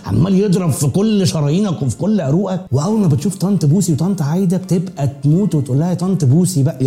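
Fast-talking Egyptian man, dark voice. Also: on the high side. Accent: Egyptian Arabic. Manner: animated, slangy storytelling with mimicked voices. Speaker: podcast host. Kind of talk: comic monologue.

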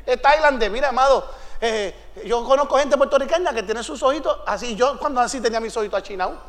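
A man preaching a sermon to a congregation. He fires rhetorical questions at them and builds up to shouted climaxes. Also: very high voice, fast. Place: church sanctuary. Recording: long reverb of a church hall.

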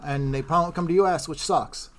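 A man's voice: on the high side, fast. Rambling podcast co-host man. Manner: rambling, lots of fillers and restarts. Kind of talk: casual chat.

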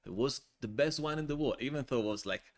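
A man in his forties from Italy with an Italian accent, a guest telling animated, joking stories in a casual podcast interview. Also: mid-range voice, quick pace. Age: 40s. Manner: animated, joking storyteller in non-native English. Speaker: guest, wine importer.

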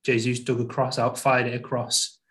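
Male host, average pitch, informal football chat with co-presenters. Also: monotone, moderate pace, a bit bright. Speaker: podcast host.

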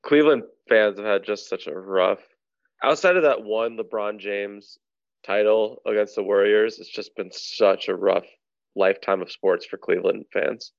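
A man with a low, gravelly voice hosting a laid-back sports chat, spinning jokes between questions. The sound is dry and a bit dull, like a lo-fi home setup. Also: moderate pace. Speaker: podcast host.

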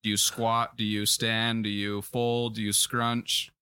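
Low, bright-toned man chatting casually. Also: flat delivery, slow pace, clean tone, dry recording. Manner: eager, asks lots of questions, swears casually. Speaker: podcast co-host. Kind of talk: casual chat among friends.

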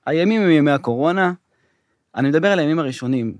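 Sex: man. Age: middle-aged. Role: interview guest. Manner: hesitant, frequent fillers. Pitch: a bit high. Sound: dry studio mic. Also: lively intonation, a little mellow, no room sound. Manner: hesitant, many fillers and restarts. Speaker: guest, government finance official. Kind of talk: casual storytelling interview. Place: podcast studio.

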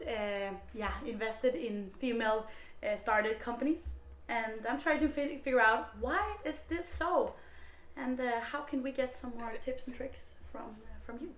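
A woman's voice: fairly high pitch, roomy sound. A woman from Norway hosting an interview in a studio, asking chatty, enthusiastic questions. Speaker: podcast host.

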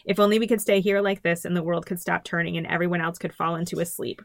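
A woman's voice: on the low side, fairly even intonation, fast talker, creaky, no echo. A woman reading aloud the earnest lines of a devoted, anguished young boy. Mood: tender.

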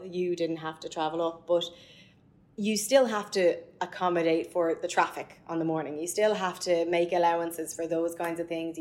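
A woman's voice: fairly low pitch, darkish tone. A young woman from County Mayo with an Irish accent, giving conversational advice as a podcast guest. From County Mayo, Ireland.

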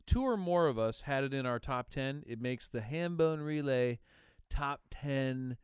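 A man's voice: mid-range voice, unhurried, clean tone, no echo, clean studio sound. A man hosting a casual podcast chat from home, laid-back, swearing casually and laughing often. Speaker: podcast host and band member. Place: home, over a video call.

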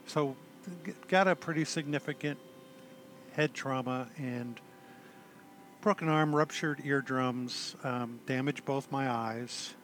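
An older man, a retired army chaplain, telling his story in a halting, self-deprecating way with dry humor. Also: medium pitch, a bit bright, soft background music. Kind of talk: conversational storytelling.

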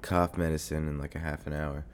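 Sick and stuffed up, a young podcast host records a casual solo episode at home on a desk mic near his computer. His voice is deep and hoarse, level in tone and a little fast, and he rambles loosely, swearing and leaning on fillers.

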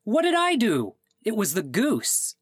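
A man's voice: on the high side, very animated, moderate pace, a bit bright, dry recording, clean studio sound. A man playing a fed-up, sarcastic customer. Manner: sarcastic, indignant, bursts out. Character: exasperated man whose clone died. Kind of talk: comedic audio drama acting.

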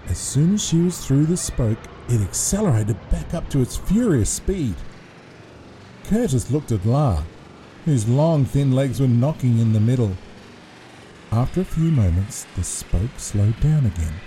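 A man reading a children's story aloud in an expressive, playful way. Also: medium pitch, a little slow, a little hiss or hum. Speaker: narrator.

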